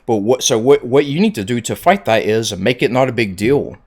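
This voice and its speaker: A man's voice: medium pitch, lively intonation, brisk, darkish tone, husky. A man giving a casual, conversational video game tutorial, stressing his points with repetition. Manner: conversational, emphatic with repeated points. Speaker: gaming tutorial creator.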